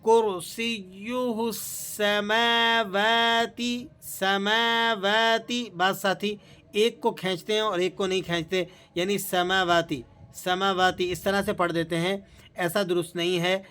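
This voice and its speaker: A man teaching Quran recitation rules, reciting verses slowly and drawn out, then explaining in calm plain speech. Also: sits high. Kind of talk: Tajweed lesson with slow recitation.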